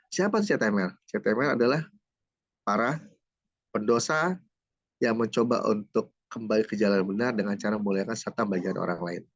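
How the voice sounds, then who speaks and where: A middle-aged man from Jakarta tells his personal story as a guest, in a low, gravelly voice with a lot of vocal fry. He acts out the dialogue as he goes. The recording is dry and a little muffled. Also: a little fast, long pauses, dry recording. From Jakarta, Indonesia. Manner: storytelling, acts out dialogue, many "gitu kan" tags. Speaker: guest, certified trainer. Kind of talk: personal testimony in an interview.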